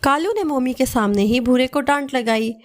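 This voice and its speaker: A woman tells a children's cartoon story in a scripted narration style. Her voice sits slightly high and stays steady and clear. The delivery is even and explains each scene plainly. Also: moderate pace.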